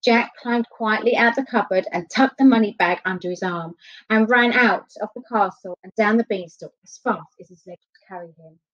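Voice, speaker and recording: A woman reading a children's fairy tale aloud, expressive and unhurried. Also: mid-range voice. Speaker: storyteller. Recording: dull lo-fi recording.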